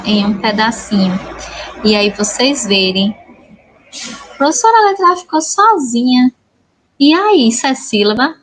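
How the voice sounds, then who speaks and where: A woman's voice: mid-range voice, poor audio. A woman teacher with a Brazilian Portuguese accent giving a recorded lesson to young schoolchildren, patiently spelling out syllables and checking in with "certo?".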